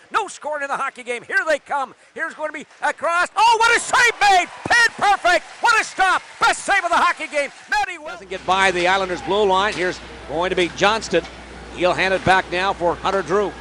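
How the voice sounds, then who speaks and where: A man calling hockey play-by-play, rising to excited shouts on big saves. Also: sits high, fairly quick. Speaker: play-by-play announcer. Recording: noisy broadcast feed.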